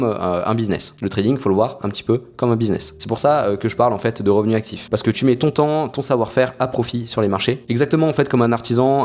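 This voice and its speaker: A man's voice: medium pitch, a little mellow. A young man explaining finance casually to his viewers, with frequent hesitant fillers. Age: young adult. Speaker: finance YouTuber. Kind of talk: casual explanatory talk to camera.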